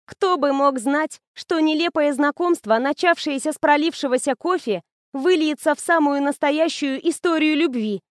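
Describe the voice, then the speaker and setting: A woman reading the lines of a lively young woman student who teases her friend in an audiobook. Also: sits high, normal speed, dry recording, studio quality, voice pushed up. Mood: teasing. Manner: bubbly, teasing, animated.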